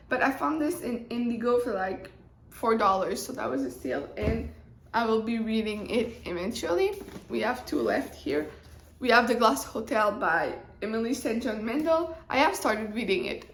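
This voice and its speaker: A young woman with a fairly high voice talks through her reading plans in a loose, rambling way. She cuts herself off and restarts mid-thought. The room gives her voice a noticeable echo. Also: fairly bright tone, a little hiss or hum. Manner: rambling, chatty, self-interrupting. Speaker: book vlogger. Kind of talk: casual chat. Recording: roomy echo.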